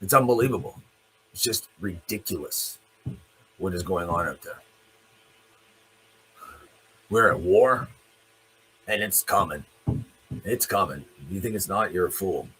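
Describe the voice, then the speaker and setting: Deep-voiced and animated, the Canadian commentator rants off the cuff at a measured pace with long pauses, his tone pushed and bright. The low-quality recording carries a little hiss or hum. He's blunt, sardonic and profane on his news commentary show, throwing out pointed rhetorical questions.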